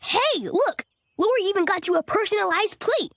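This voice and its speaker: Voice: extremely high pitch, expressive, moderate pace, fairly bright tone, no echo, studio quality, heavily acted. An actor voicing a mild, friendly young boy sidekick in a cartoon. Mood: cheerful.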